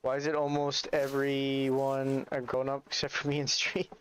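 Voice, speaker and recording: A streamer in his 20s plays a hunting game while chatting casually with his livestream audience, reading and answering their messages. His mid-range voice is monotone and a little slow, his manner laid-back and chatty, with slight background noise.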